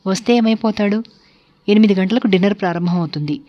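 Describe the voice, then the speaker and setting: A woman's voice: medium pitch, fast, lightly acted. A woman reading as a stern, commanding host man. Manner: curt and commanding. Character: stern, cruel-edged wealthy male dinner host. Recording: dull lo-fi recording.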